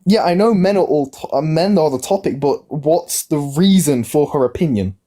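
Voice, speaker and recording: Insistent young man, lively pitch. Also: normal speed. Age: young adult. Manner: insistent, repetitive, stumbling restarts. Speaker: livestream guest. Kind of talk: casual live-stream debate.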